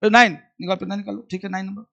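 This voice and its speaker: A man's voice: high voice, little pitch movement, rapid-fire, gravelly, sharp tone, dull audio. A man teaching English in a classroom. He chants verb forms in rhythm and repeats each point. He keeps asking the class questions and answers them himself. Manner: drills verb forms aloud, asks and answers his own questions. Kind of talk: classroom lesson.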